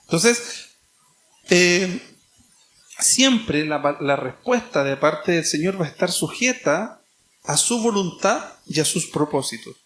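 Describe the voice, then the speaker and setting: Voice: mid-range voice, animated, slow pace, fairly bright tone, slight background noise. Emphatic Chilean preacher. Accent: Chilean Spanish. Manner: emphatic, repetitive, rhetorical questions. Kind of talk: sermon.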